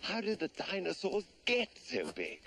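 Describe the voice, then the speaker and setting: A man's voice: high voice, wildly swooping pitch, unhurried, bright, forceful tone, a little hiss or hum, heavily acted. A man narrating a mock nature documentary in a pompous, portentous manner.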